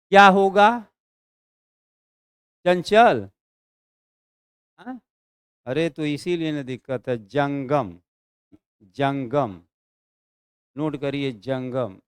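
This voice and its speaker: A male teacher giving an exam-prep Hindi class online, dictating slowly, drawing out and repeating words and checking in with his students. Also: mid-range voice, clean tone, no room sound, studio quality.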